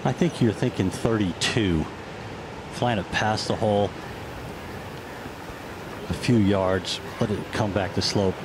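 A man's voice: on the low side, measured pace, pauses often. A man working as a golf commentator and analyst, talking through shots in an instructive way. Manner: instructive, reads slopes and shots. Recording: noisy outdoor broadcast ambience.

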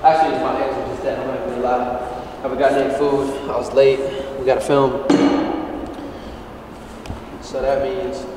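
A young man chats in a loose, slangy vlog style, still winded from training. His voice sits at an ordinary pitch and rings out from a distance in a very echoey room with a long tail. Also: flat delivery, moderate pace, long pauses, very noisy. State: out of breath after training. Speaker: fitness YouTuber. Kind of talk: casual vlog chat. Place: gym.

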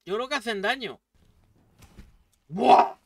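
A man with a Spain Spanish accent doing let's play commentary, excitable, swearing and yelling at the game. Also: high-pitched, normal speed, distant mic. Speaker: gaming YouTuber.

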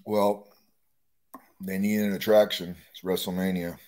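A man hosting a casual livestream chat, relaxed and blunt. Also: sits low, unhurried. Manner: relaxed, blunt, talks about wrestling buddies. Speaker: show host.

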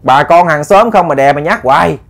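A storyteller voicing a firm old charm-master. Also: male voice, a little high, animated, a little fast. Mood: lecturing. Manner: firm, lecturing. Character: calm older male charm-master.

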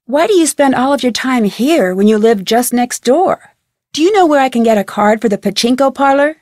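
A woman voices a curious, polite young amateur detective in single scripted video game lines, asking questions in a friendly, clearly articulated way. Her high voice has lively intonation and a darkish tone at normal speed, recorded at studio quality with no room sound.

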